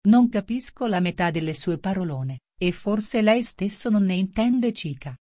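A woman's voice: medium pitch, expressive, moderate pace, mellow, no echo, close to an everyday voice. A cheeky young eaglet who mocks pompous talk, voiced by a woman reader. The sound is dry and close, the tone blunt. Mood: mocking.

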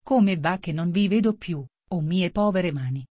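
A woman voicing a polite, curious young girl in a storybook reading, speaking gently. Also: on the low side, normal speed, dry recording, studio quality, lightly acted.

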